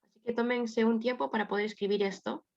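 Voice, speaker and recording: A woman's voice: fairly high pitch, fairly even intonation, rapid-fire, gravelly, a little mellow. Woman interpreter on a video call. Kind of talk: consecutive interpreting into Spanish. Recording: dull lo-fi call audio.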